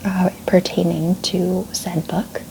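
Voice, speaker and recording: Soft whispering woman, librarian role-play. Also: lowish voice, little pitch movement, slow pace, slight background noise, rough recording. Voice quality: soft-spoken, breathy near-whisper. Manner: polite, reassuring, gentle customer-service phrasing. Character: gentle, helpful female librarian. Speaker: ASMR creator playing a librarian.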